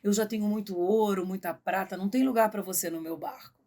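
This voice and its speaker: Woman as arrogant rich figure in a spoken fable, Brazilian accent, husky. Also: mid-range voice, fairly quick, mellow, lightly acted. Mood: dismissive. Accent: Brazilian Portuguese. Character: haughty rich figure refusing help.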